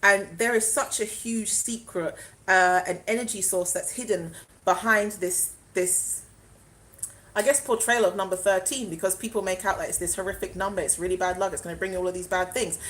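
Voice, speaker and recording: A woman's voice: medium pitch, steady tone, normal speed, a bit bright, low-quality recording. A young woman chatting casually on a live stream, rambling and answering viewer comments as they come in. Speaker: spiritual vlogger doing a live stream.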